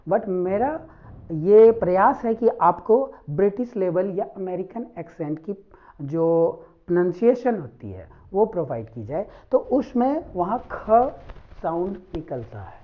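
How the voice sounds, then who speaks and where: A woman teaching English phonics in a slow, drawn-out teaching tone. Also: lowish voice, very animated. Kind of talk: phonics lesson. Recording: dull lo-fi recording.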